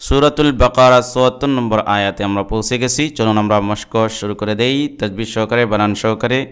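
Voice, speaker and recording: A man teaching Quran reading, spelling out letters and vowels one by one and then chanting the words slowly. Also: on the low side, steady tone, fairly bright tone, clear, resonant tone. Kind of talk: step-by-step recitation lesson.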